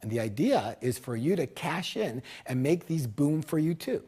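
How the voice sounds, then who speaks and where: Guy doing a hyped seminar sales pitch, kinda high voice, bounces all over, hammers the same words twice. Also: normal speed, slightly rough. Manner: emphatic, animated salesman, repeats key words for punch. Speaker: seminar speaker selling a business course.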